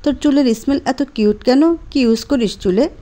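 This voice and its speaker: A woman voicing a bossy, teasing young husband in a narrated storybook, in a lightly lowered version of her own voice. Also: normal speed, dark tone, close to an everyday voice.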